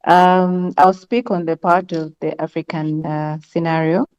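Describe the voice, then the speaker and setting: A woman from Zambia speaking as a panelist in an online discussion, measured and thoughtful with frequent ums. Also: lowish voice, fairly even intonation, darkish tone, smooth, faint music behind. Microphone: video call. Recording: muffled lo-fi video call audio.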